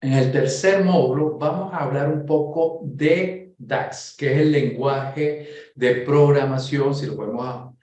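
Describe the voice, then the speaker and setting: A man from Venezuela presenting a software course in a webinar, explaining step by step and often checking in with his listeners. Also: mid-range voice, measured pace, hardly any pauses, very echoey. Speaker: course instructor.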